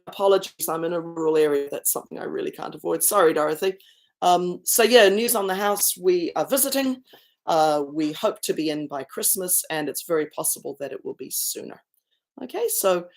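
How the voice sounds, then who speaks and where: A woman from South Africa with a mixed South African and New Zealand accent, chatting casually on a livestream from a rural house and answering viewers' comments. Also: low-pitched. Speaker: singer hosting a livestream. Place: rented rural schoolhouse with a lake view.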